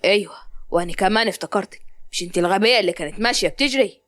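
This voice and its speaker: A woman's voice: medium pitch, rapid-fire, a bit bright, no room sound, pitched below the performer's own voice, close to an everyday voice. A woman with an Upper Egyptian accent voicing a brash, rude young man who scolds and mutters to himself. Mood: angry. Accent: Upper Egyptian (Sa'idi).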